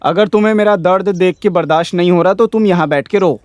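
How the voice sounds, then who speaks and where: A man's voice: high voice, quick pace, a little mellow, no echo, close to an everyday voice. A man voicing a stubborn old money lender. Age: older. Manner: stubborn, self-pitying. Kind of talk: dubbed film dialogue.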